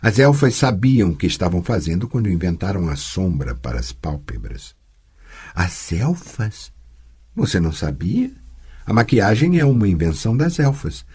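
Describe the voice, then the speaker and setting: A man voicing a patient, teasing sorceress who tutors a girl, speaking calmly and gently chiding in an audiobook. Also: deep voice, moderate pace, breathy edge, pitched below the performer's own voice, exaggerated voice. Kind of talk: audiobook character voice.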